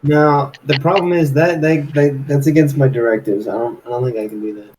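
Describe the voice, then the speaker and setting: A man's voice: medium pitch, steady tone, a little fast, a crowd in the background, rough recording. A man playing a tabletop game, chatting casually in a hesitant, musing way. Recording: clear background ambient noise.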